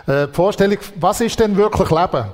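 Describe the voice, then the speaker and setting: A man preaching, often pausing with fillers. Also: high voice, darkish tone. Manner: reflective, with many fillers. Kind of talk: sermon. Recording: long hall reverb.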